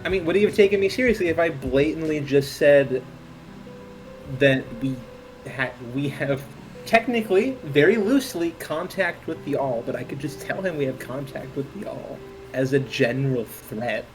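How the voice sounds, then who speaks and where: A man's voice: fairly high pitch, moderate pace, soft background music, low-quality recording. A man playing in the campaign, asking the game master questions with teasing disbelief. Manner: incredulous and teasing. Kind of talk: casual chat.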